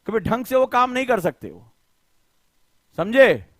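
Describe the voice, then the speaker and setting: Coaching teacher guy, high voice, fired up, asks students question after question, dry close sound. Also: big pitch swings, unhurried, a bit bright, no room sound. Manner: impassioned, rhetorical questioning; colloquial, addresses students directly. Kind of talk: live online lecture.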